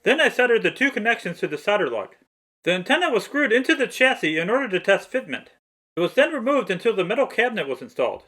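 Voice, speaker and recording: Reading scripted how-to narration for his own hobby restoration video, a man stays methodical and matter-of-fact. He talks fast in a high-pitched, sing-song voice that sounds pushed and bright.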